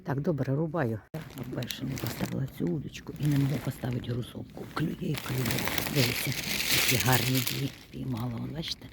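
A woman's voice: very deep voice, fairly quick, gravelly. Woman, casual vlog chatter, outdoors, noisy wind-blown phone audio. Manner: chatty, talks to viewers while walking. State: out of breath. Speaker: vlogger. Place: outdoors on a frozen lake.

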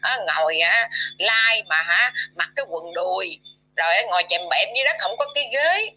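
A woman's voice: medium pitch, animated, normal speed, pushed and bright, breathy edge. A woman with a Southern Vietnamese accent delivering an angry, scolding rant to her audience, full of fillers and insults. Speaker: YouTube commentator. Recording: dull lo-fi audio.

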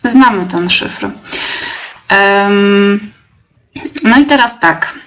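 A young woman teacher leading a live webinar, explaining step by step with many fillers and pauses. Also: medium pitch, fairly bright tone. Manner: slow, hesitant, many fillers, reads out chat replies.

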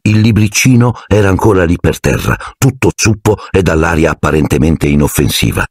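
Deep, gravelly man reading an audiobook. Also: fairly quick, no room sound, studio quality. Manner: expressive storytelling. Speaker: audiobook narrator. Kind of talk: scripted audiobook narration.

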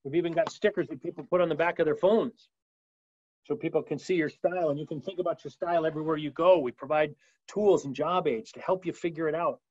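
A man with a fairly high voice teaches a business webinar in a lively, emphatic style. The sound is dry and a little dull, like audio from a video call. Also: fast, slightly rough, dry recording. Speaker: webinar presenter. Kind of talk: energetic business training talk. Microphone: video call mic.

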